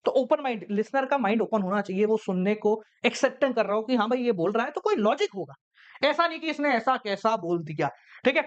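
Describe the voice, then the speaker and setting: Male teacher explaining stuff casually, higher voice, kinda muffled recording. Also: lively intonation, a little fast. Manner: chatty, explains with everyday examples. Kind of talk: casual classroom lecture.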